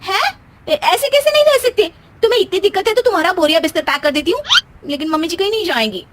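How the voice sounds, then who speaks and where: Here is a feisty young daughter-in-law from a family storybook comedy, acted by a woman. Her voice is high and swings widely in pitch. She is sarcastic and huffy, exclaiming dramatically as she bickers. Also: lively intonation, fast, slight background noise. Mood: alarmed.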